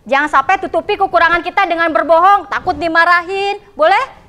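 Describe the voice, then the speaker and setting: A woman's voice: very high voice, brisk, pushed and bright. A woman teaching a vocational school class with a West Javanese accent, often asking the students questions and adding "ya" and "gitu". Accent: West Java. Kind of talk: classroom lesson.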